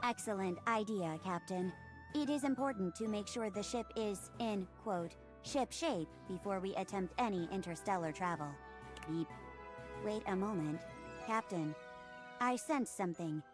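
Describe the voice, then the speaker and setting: A woman's voice: medium pitch, measured pace, music in the background, close to an everyday voice. A woman voicing a dutiful robot ship assistant, with stiff, formal robot speech and spoken beeps.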